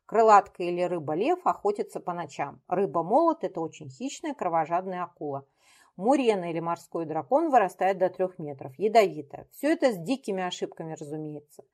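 A woman reading aloud and voicing a cheerful young woman who tells an amusing anecdote in a lively way. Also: mid-range voice, lightly acted. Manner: lively, amused storytelling. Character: cheerful young woman telling a funny story.

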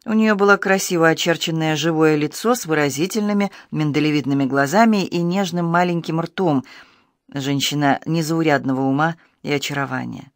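Guy reading an audiobook, steady even narration, dry close mic. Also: fairly high pitch, a little fast, dry recording. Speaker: audiobook reader. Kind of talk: scripted narration.

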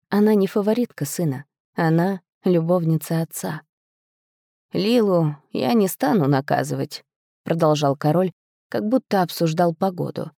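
Brief: woman audiobook narrator, low mellow voice, close dry mic, steady expressive first-person reading. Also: no room sound.

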